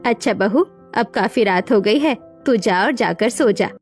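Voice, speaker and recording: A caring middle-aged mother-in-law in a dramatized moral story voiced by a woman. She reassures gently and motherly, in a high voice. Soft music runs beneath. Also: animated, unhurried.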